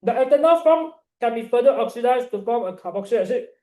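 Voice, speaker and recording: A young man with a Malaysian accent tutoring online in informal, Singlish-like English full of local particles, animated and encouraging. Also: extremely high pitch, fast, roomy sound. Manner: animated, encouraging, peppering talk with "right" and "ah". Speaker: chemistry tutor.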